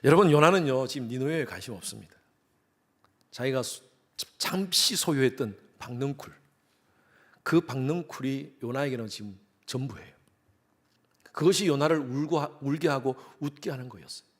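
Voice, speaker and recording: A man's voice: medium pitch, moderate pace. A middle-aged man from Korea, a pastor preaching a sermon in a church and acting out quoted voices with animation. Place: church sanctuary.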